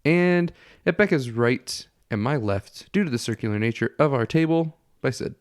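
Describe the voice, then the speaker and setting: A man's voice: medium pitch, animated, moderate pace, no room sound, clean studio sound. A man hosting a casual podcast, sounding nasal and congested from a head cold that blocks his nose. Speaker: podcast host.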